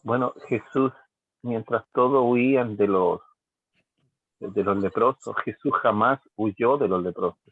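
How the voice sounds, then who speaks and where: A man's voice: on the low side, unhurried, no echo. A man, a student in an online class, speaking emphatically and repeating words for stress. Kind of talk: class contribution over a call. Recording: dry, phone-like line.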